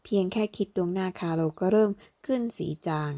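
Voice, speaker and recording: A woman narrating a fantasy novel aloud, slowing down as she voices the characters. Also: mid-range voice, steady tone, mellow. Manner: voices characters with slow, deliberate delivery. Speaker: audiobook narrator. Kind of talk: dramatic novel reading.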